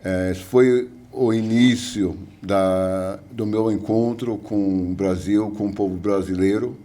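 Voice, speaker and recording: A man's voice: fairly low pitch, fairly even intonation, takes it slowly, dark tone. An older man from the United States with an American English accent, a guest professor speaking hesitantly with many fillers in an interview. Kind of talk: interview conversation.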